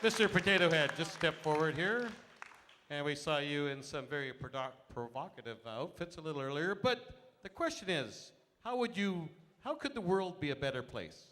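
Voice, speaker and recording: Man, pageant host, slightly high voice, stage announcing, echoey hall. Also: lively intonation, normal speed, pushed and bright, a faint crowd. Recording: echoey hall with audience noise.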